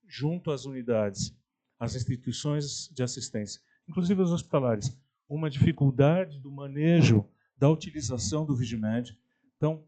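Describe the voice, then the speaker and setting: A man's voice: medium pitch, dark tone. A man with a Brazilian accent gives a formal welcome speech as an official opening an event.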